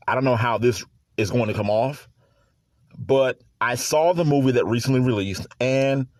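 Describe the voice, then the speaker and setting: Male sports podcast host, casual solo talk, mid pitch, chuckly and loose, dry close-mic. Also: dry recording. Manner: easygoing, chuckles often, repeats words.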